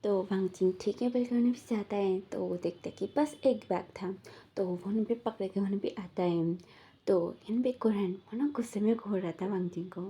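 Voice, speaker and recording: A woman's voice: medium pitch, a little fast, dark tone. A woman casually retelling a fan-fiction story in a chatty, loose way, full of fillers.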